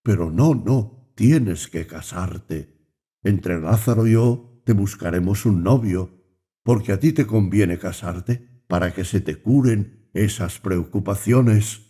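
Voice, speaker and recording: Sorrowful old country priest, read by a man: dark, slow, pleading. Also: fairly low pitch, husky. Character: grieving aged village priest, gentle. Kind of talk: audiobook reading.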